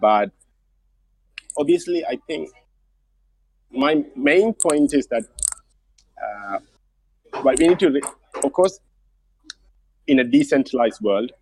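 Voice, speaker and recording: A man's voice: medium pitch, lively intonation, takes it slowly, pauses often, darkish tone, slightly rough, poor audio. A man guest in a casual online interview, talking earnestly and encouragingly in simple phrasing over a call.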